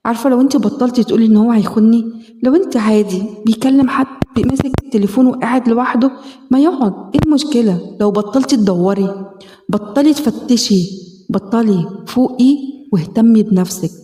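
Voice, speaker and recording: A woman's voice: a little high, fast talker, warm tone. A woman with an Egyptian Arabic accent, giving a self-help talk in a direct, coaxing, repetitive way and guiding a healing exercise. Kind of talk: motivational talk and guided exercise. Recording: echoey room with long reverb.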